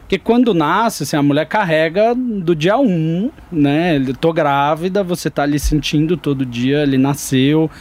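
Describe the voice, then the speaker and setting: A man in his thirties chats in a slightly raised register. He rambles in a relaxed, candid way and drops casual slang as he goes. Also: fairly high pitch, moderate pace, hardly any pauses. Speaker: podcast guest, father. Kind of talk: casual chat.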